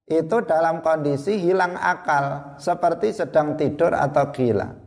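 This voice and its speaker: A man's voice: on the high side, measured pace. A man giving an Islamic study lesson, explaining step by step with examples and rhetorical questions. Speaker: religious teacher.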